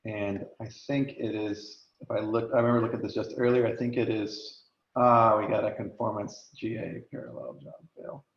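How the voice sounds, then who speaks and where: This meeting host's voice sits on the low side, creaky and steady, at a normal pace. He's sharing his screen in an online meeting, talking casually with plenty of fillers, clearing his throat as his voice fades, all captured through an echoey, lo-fi video call.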